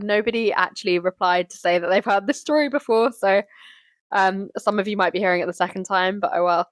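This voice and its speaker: A woman's voice: mid-range voice, no room sound, clean studio sound. A young woman hosts a live session and tells a personal story in a casual, chatty way, full of "like" and "you know". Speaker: host of a live community session.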